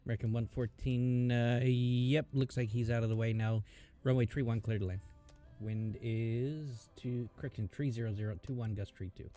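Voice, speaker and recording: A man working as a streaming air traffic controller, moving between measured procedural calls and casual chat. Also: medium pitch, fairly even intonation, warm tone, soft background music.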